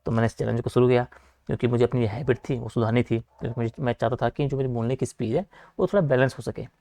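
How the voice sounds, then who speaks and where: Gravelly young male coaching teacher. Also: medium pitch, steady tone, mellow. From Uttarakhand, India. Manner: talks fast, repeats filler like "theek hai" and "aapka". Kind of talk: online lecture, informal asides to students.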